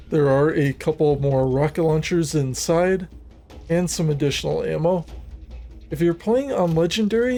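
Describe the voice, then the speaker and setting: A man narrates a scripted walkthrough of a video game, his voice a little high and a little mellow. His delivery is measured, methodical and instructional.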